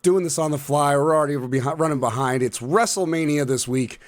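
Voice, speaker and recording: A man with a raspy smoker's voice co-hosting a casual wrestling podcast, rambling and correcting himself as he goes. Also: on the high side, fairly quick. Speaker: podcast co-host.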